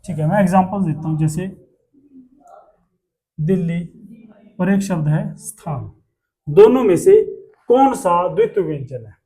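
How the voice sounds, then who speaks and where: A man's voice: high-pitched, expressive, measured pace, long pauses, dark tone. A man teaching a class, asking questions and repeating the answers himself. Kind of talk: classroom lesson.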